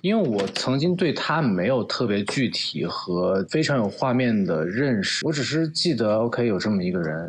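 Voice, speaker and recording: Lowish man speaking reflectively. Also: slightly rough. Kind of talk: reflective conversation.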